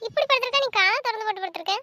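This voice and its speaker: An actress playing an anxious elder sister who frets aloud and calls out insistently. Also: female voice, very high-pitched, rapid-fire, pushed and bright. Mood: agitated. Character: anxious meddling elder sister, young woman. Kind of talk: family web-series drama acting.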